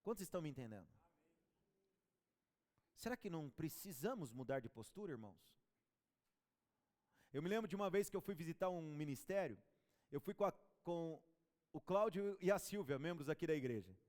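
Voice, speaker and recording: A male pastor, preaching a sermon and telling stories, animated and bantering with his congregation. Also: a little high, a little fast, long pauses. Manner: storytelling, animated, chatting with the congregation. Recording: preacher in a reverberant church hall.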